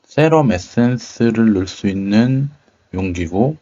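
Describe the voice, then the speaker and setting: Speaking at a measured pace, this man has a lowish, warm voice with lively intonation. He hosts a tech video channel and, during a demo, casually murmurs to himself about what's on his screen, musing and tentative. It sounds like a dull, lo-fi mic.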